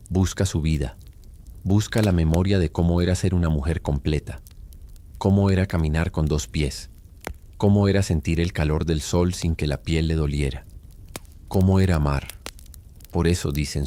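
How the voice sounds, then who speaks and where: Brief: male storyteller, very low and dark voice, calm bedtime narration. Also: moderate pace, a little hiss or hum.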